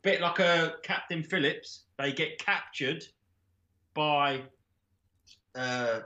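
A man's voice: fairly high pitch, slow, highs cut off. A man telling a made-up film plot in comic, rambling chat, acting out the characters. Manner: rambling, animated, breaks into laughter while acting out scenes. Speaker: podcast guest pitching made-up films. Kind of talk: comedic storytelling chat. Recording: roomy echo.

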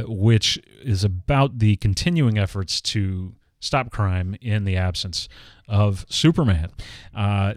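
A podcast host with a low-pitched male voice walks through a comic storyline in a relaxed, rambling way. He often stops to correct himself. The recording is close and dry. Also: no echo. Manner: rambling, with frequent fillers and self-corrections. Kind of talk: casual comic book recap.

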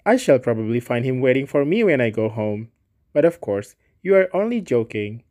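A man reading aloud, voicing an earnest, kind-hearted young gentleman in a raised, eager tone. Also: mid-range voice, very animated, normal speed, close to an everyday voice.

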